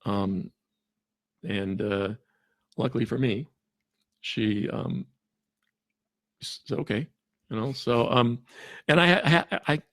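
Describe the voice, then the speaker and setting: A forensic interviewer appears as a podcast guest, chatting casually in a lowish, slightly bright voice with no room sound. His speech is halting, full of restarts, and he chuckles often.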